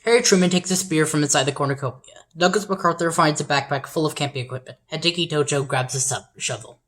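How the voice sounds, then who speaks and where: A woman with a low, deep-set voice reads game events aloud in a casual way. She stumbles and restarts on names, then throws in wry, apologetic side comments between the lines. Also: fast. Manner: reads events aloud, trips over names, adds sheepish wry asides. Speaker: game player narrating events. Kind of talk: casual reading of simulator events with asides.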